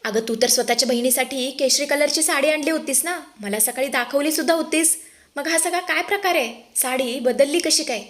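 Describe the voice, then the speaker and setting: Woman voicing an elderly grandmother in a story retelling: furious, scolding, loud. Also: high voice, fairly quick, pitched above the performer's own voice, lightly acted. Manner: shouting, scolding.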